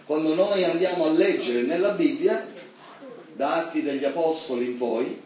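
A man preaching a sermon in an animated way, reading scripture and breaking into high emphatic bursts. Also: normal speed. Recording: very echoey hall, mic far off, faint background noise.

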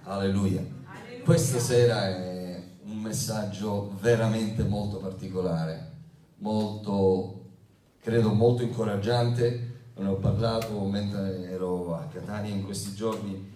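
A man's voice: lowish voice, fairly even intonation, slow, dark tone. A male pastor delivering a sermon, reading scripture aloud, getting the congregation to repeat lines, and making joking asides. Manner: call-and-response preaching, asks congregation to repeat lines. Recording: echoey hall, mic at a distance.

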